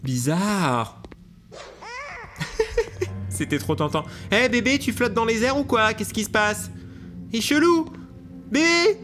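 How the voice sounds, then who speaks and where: A man commentating a video game to his viewers, excitable and laughing often, with hiccups. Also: high-pitched, takes it slowly, long pauses, faint music behind. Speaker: gaming YouTuber. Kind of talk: let's play commentary.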